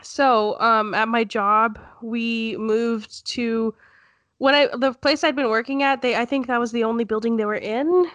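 A woman's voice: a little high, fairly even intonation, unhurried, a bit bright, dry recording. A young woman with a stuffy, congested nose, co-hosting a casual chat in a giggly, rambling way. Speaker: podcast co-host.

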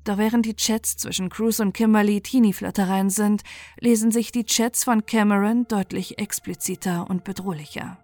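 A woman hosting a podcast, reading scripted true-crime narration in an even, measured way. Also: mid-range voice, dry recording. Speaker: podcast host.

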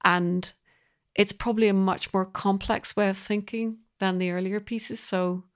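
Speaking a little slowly in a smooth, steady, mid-range voice, a woman thoughtfully describes her composing work during a reflective interview. Her sentences are loose and gradually unfold.

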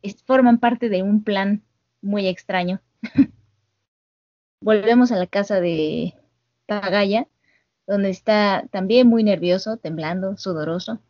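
A woman's voice: medium pitch, slow, pauses often, darkish tone, no echo. A woman hosting a casual anime recap chat, laughing often and acting out lines over an online call mic. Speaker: podcast host recapping an anime. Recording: slightly dull, dry call audio.

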